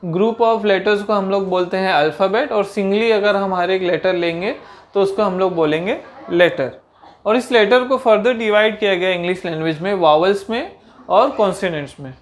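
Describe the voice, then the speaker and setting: A woman teaching grammar. She keeps asking rhetorical questions and answering them, and slows down for definitions. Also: mid-range voice, a little hiss or hum. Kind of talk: grammar lesson.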